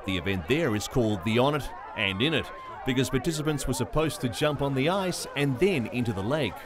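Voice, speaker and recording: Man, news voice-over, wry delivery, animated pitch, crowd noise underneath. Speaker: news narrator. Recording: voice-over over music and crowd sound. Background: music and crowd noise.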